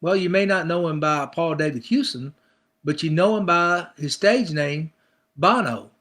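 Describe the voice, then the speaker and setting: A man's voice: a little high, measured pace, a bit bright. A middle-aged male pastor preaching a conversational sermon, acting out people's inner thoughts with repeated phrases.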